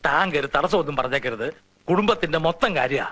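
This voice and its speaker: A man's voice: on the high side, animated, fast talker, pushed and bright. An actor playing a blustering, superstitious old uncle who scolds his nephew in a 1990s film drama. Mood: boastful. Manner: scolding, boastful.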